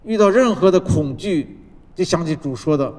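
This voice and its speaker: A man preaching a sermon as pastor, building points through rhythmic repetition and dropping from loud declarations to soft, low asides. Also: expressive, moderate pace. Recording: long reverb of a large hall.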